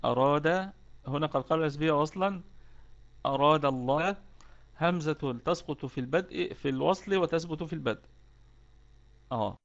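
Gravelly Egyptian man teaching tajweed. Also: a little high, a little fast, highs cut off. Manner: explains rules step by step, repeating key words. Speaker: Quran recitation teacher. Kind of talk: online tajweed lesson.

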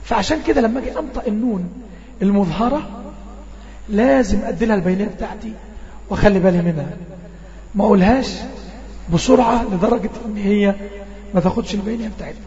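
A man with an Egyptian accent teaching Quran recitation in an online lesson, voice a little strained, drawing out sample words slowly and checking in often with his class. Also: sits high, mellow. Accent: Egyptian Arabic. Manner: slow drawn-out demonstrations of recited words. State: voice a bit strained. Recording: dull lo-fi audio with long reverb.

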